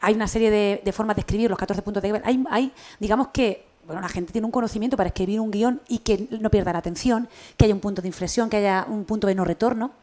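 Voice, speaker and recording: A woman from Almería, a podcast co-creator and radio journalist, telling stories in a lively way in a casual radio interview. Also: mid-range voice, fast, hardly any pauses. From Almería, Spain. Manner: lively, animated storytelling.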